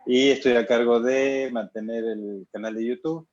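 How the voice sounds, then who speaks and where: A man from Argentina introducing himself casually on a video call, relaxed and chatty. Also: medium pitch, normal speed, highs cut off. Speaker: class participant.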